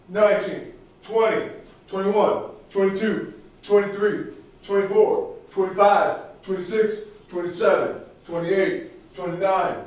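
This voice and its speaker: A young man playing a furious, fed-up boss in a comedy sketch, barking orders like a drill sergeant. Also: high voice. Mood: stern counting. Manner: barking, commanding. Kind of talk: amateur comedy sketch acting. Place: large indoor studio room with block walls. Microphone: distant camera microphone. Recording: echoey room, far from the mic.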